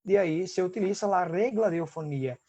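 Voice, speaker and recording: A man's voice: high voice, moderate pace, mellow, dull audio. A Brazilian man teaching an online Spanish class, explaining step by step and checking in often with his students. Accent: Brazilian Portuguese.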